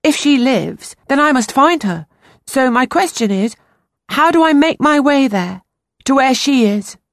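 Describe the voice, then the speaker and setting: A woman voicing an earnest, solemn ten-year-old boy who speaks in a high, urgent way. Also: expressive, measured pace, no echo, studio quality.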